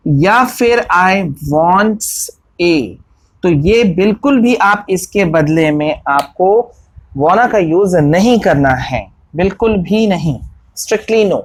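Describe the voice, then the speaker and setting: Woman teaching a lesson online, patient, says examples slowly word by word, keeps checking in with viewers. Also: fairly low pitch, expressive, poor audio. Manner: addresses viewers directly, checks in often. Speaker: English teacher. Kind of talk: spoken language lesson.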